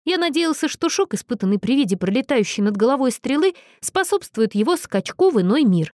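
A woman's voice: high-pitched, sing-song, brisk, a little mellow, no echo, pitched above the performer's own voice. A woman reading an audiobook, voicing a pedantic young man with a dry, matter-of-fact manner. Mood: offended, reasoning. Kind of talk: audiobook character voice.

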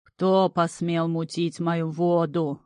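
A woman voicing a fat, bald old male swamp water-devil with a booming bass voice and ceremonious, blustering manner. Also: flat delivery, slow, darkish tone, clear, resonant tone, no room sound, clean studio sound. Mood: angry.

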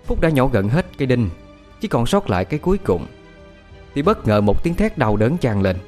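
A man narrating a horror story in a dramatic, expressive way. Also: medium pitch, moderate pace, soft background music.

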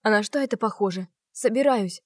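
A woman voicing a defiant, sharp-tongued young heroine who raises her voice and speaks sarcastically in an audiobook. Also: medium pitch, brisk, dry recording, studio quality, natural voice. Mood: heated sarcastic. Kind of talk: audiobook character reading.

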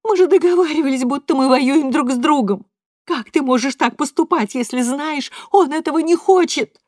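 A woman voicing a distraught mother who pleads in a high, tearful voice during a family argument, read as an audiobook. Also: normal speed, darkish tone, dry recording, clean studio sound, lightly acted.

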